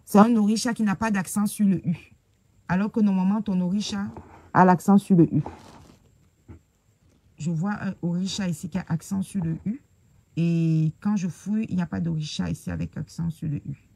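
A woman hosting a casual live stream, talking hesitantly and filling pauses with "euh" while she searches on her phone. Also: lowish voice, creaky, mellow, dry recording.

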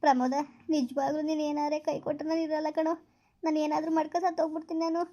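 Brief: woman playing heartbroken girl, high flat pleading tone, muffled lo-fi sound. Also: racing, close to an everyday voice. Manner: pleading, tearful, repeats please. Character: heartbroken young woman begging her lover. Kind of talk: village skit acting.

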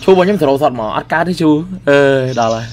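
A man giving excited, repetitive callouts while playing a mobile game with a teammate. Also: mid-range voice, a little fast. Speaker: gamer. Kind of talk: live game commentary with a teammate.

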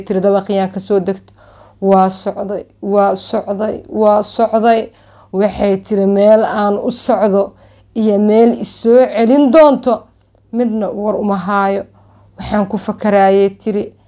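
A woman's voice: mid-range voice, warm tone. A young woman with a Somali accent tells a dramatic story to camera, emphatically, drawing out words and retelling dialogue. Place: small furnished room at home, indoors.

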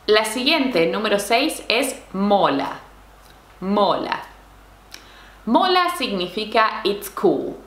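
In an echoey room, a woman with a mid-range voice and big pitch swings teaches Spanish slang. She explains slowly and patiently, checking in with little questions like "¿no?" and "¿sí?" throughout the lesson.

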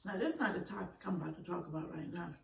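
Over a noisy background, a middle-aged vlogger tells casual stories in rapid-fire fashion, her voice fairly low and creaky, sometimes talking with her mouth full as she eats. The indoor green-screen room sounds echoey through a distant microphone.

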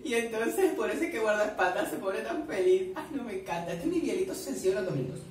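A man's voice: high-pitched, lively intonation, fast, a little hiss or hum. A man doing chatty reaction commentary, swearing a lot and eating while he talks. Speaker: reaction vlogger. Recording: very echoey room, far from the mic.

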